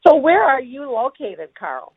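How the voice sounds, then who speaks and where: A woman on a phone call, the victim of a scam, speaking in a hesitant, halting way. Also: high-pitched, big pitch swings, breathy edge. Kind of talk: phone conversation. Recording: tinny, dry phone line.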